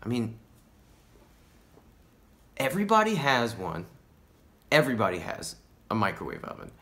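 A man's voice: medium pitch, huge pitch swings, normal speed, full character voice. A man playing a rambling paranoid stoner. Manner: rambling, peppered with "dude" and "man"; drops into hushed whispered asides. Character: paranoid young male stoner, rambling conspiracy talk. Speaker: actor. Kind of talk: self-tape theatre monologue.

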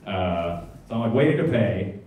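A young male stand-up comic telling a rambling, self-mocking story, his pitch swinging up and down as he goes. He is heard from some way off through a stage mic, in a very echoey theater. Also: very animated, moderate pace, darkish tone, recorded from a distance. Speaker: stand-up comedian. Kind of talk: stand-up comedy set. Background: audience laughter.

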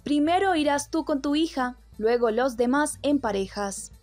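A woman's voice: high voice, lively intonation, normal speed, darkish tone, faint music behind, voice pushed up. A woman reading out a stern commanding ex-captain. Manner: curt orders, read out plainly.

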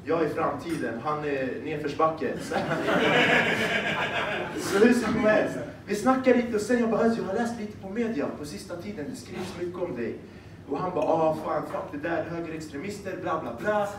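An animated young stand-up comedian with a fairly high voice performs a set on a comedy club stage, telling stories and acting out dialogue. The club room is echoey, the mic far off, and crowd noise is audible.

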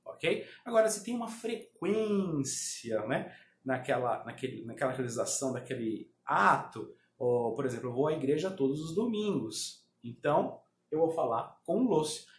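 A man's voice: medium pitch, lively intonation, normal speed, roomy sound, slight background noise. A man teaching a Spanish lesson online, speaking to viewers and having them repeat words after him. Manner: drills pronunciation, asks viewers to repeat.

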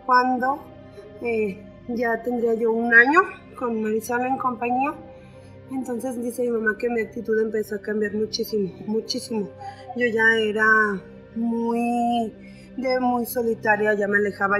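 Woman, fairly high and crisp voice, chatty storytelling, faint music underneath. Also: fairly even intonation, moderate pace, fairly bright tone, poor audio. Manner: conversational, with frequent fillers and restarts. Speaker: storyteller sharing a personal experience. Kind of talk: casual spoken storytelling.

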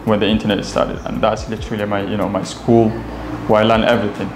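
A young Somali man, an entrepreneur appearing as an interview guest, casually tells personal stories in an indoor office lounge with glass walls. His voice is fairly low and level, and he talks quickly, the room echoey with faint background noise.

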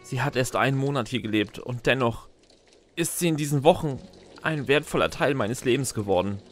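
A man with a medium-pitched, fairly quick, everyday-sounding voice plays the narrator and lead character of a scripted first-person audio drama. The character is frustrated and sardonic, dry and sarcastic on the surface but lonely and sentimental underneath, and the mood is sad and wistful. Music plays behind him.

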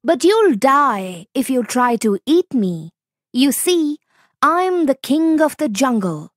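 A woman voicing a small, sly, clever male fox in a storybook reading, high and boastful. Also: big pitch swings, slow, no room sound, studio quality, exaggerated voice.

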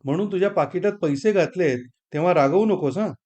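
A man voicing a kind, generous sister who speaks softly and reassuringly in an audiobook story. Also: high-pitched, a little fast, dull audio, lightly acted. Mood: affectionate.

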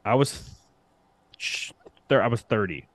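A man's voice: lowish voice, expressive, measured pace, no echo. A man in his thirties casually telling a rambling story on a podcast and laughing at himself. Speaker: podcast guest.

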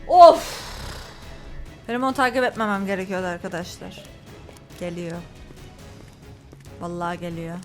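A woman's voice: lowish voice, normal speed, long pauses, a little mellow, soft background music. A woman hosting a gaming channel, giving jumpy, frightened commentary on a horror game and reading its notes aloud to viewers.

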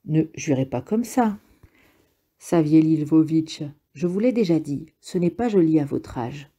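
A woman's voice: deep voice, expressive, a little slow, mellow, husky, heavily acted. A woman voicing a blunt, exasperated younger male partisan in an audiobook reading. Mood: curt, weary. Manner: curt, exasperated.

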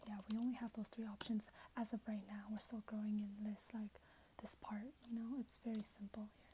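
A young woman in her twenties, an ASMR creator, plays a robot companion clerk in a soft-spoken roleplay, often whispering in a gentle, hesitant, polite customer-service manner. Her mid-range voice stays level at a fairly quick pace. She records in a small plain room, with hissy background noise and keyboard typing and clicks.

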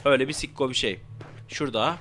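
A young man commentating a game he plays, swearing freely and shouting spell words into his mic. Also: medium pitch, fast talker, faint music behind. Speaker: gameplay commentator. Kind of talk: let's play commentary.

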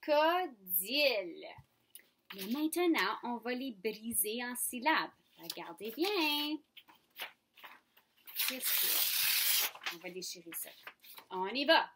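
A woman with a Franco-Ontarian French accent teaches young children, speaking slowly and clearly in a high voice. Her coaxing tone invites the kids to answer. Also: lively intonation, fairly bright tone, slight background noise. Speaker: kindergarten teacher. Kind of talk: online phonics lesson for young children.

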